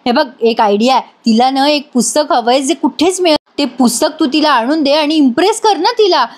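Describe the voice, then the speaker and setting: A woman's voice: high-pitched, expressive, fairly quick. A woman reading a coaxing, scheming aunt. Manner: hushed, coaxing. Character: scheming middle-aged aunt.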